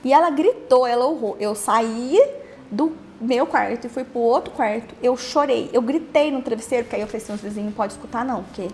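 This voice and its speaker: A young Brazilian woman telling her own story in a halting way, repeating words and trailing off. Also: fairly high pitch, darkish tone, a little hiss or hum. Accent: Brazilian Portuguese. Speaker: podcast host interviewed as guest. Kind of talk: emotional personal testimony.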